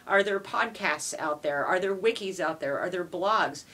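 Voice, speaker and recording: Her fairly low, fairly bright voice moves at an ordinary speed. As a foreign language teacher from Montreal, Canada, and a native French speaker, she answers interview questions earnestly, dotting her replies with "you know."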